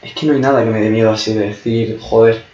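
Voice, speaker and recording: A young man in casual chat, relaxed and joking, swearing often. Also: on the low side, quick pace. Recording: echoey room, dull lo-fi sound.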